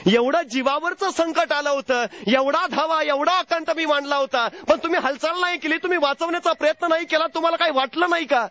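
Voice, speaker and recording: A man's voice: very high-pitched, sharp tone, no room sound, muffled recording. A man quoting a devoted young newlywed wife. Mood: reproachful. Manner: earnest, measured pleading.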